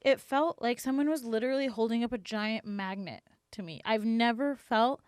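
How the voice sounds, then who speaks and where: Female podcast co-host, smooth clear voice, chatty and halting, dry recording. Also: a little high, a little mellow, dry recording. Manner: chatty, halting, with many fillers. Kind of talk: casual chat.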